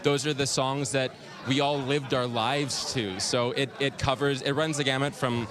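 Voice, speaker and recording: A man's voice: mid-range voice, fairly even intonation, moderate pace. Guy actor talking loosely, um and uh, crowd noise around. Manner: casual, with fillers and restarts. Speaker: stage actor. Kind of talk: news interview.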